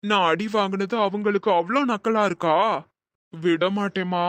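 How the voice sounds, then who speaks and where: A woman's voice: medium pitch, steady tone, unhurried, dry recording, close to an everyday voice. A woman voicing a hurt, resentful young husband in a storybook drama, talking plaintively to his mother. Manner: plaintive, sulking.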